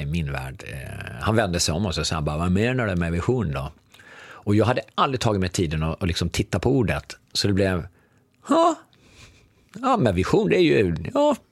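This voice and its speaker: A man's voice: low-pitched, dry recording, studio quality. A man in his fifties, a guest and former business consultant, telling a story in conversation and acting out the dialogue. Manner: animated, acts out quoted dialogue.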